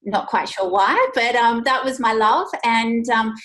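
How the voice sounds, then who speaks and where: A woman's voice: a little high, unhurried, a bit bright. An Australian woman in her thirties, a guest in a casual interview, talking chattily with many fillers and frequent laughs. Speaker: guest, agency owner. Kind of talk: casual interview over a call.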